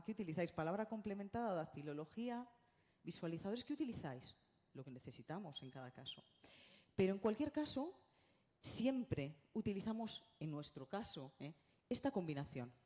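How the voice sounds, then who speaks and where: Lady speech therapist lecturing at a conference, animated, middle-aged, keeps asking the room little questions. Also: low voice. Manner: animated, lively, checks in with tag questions. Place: conference hall.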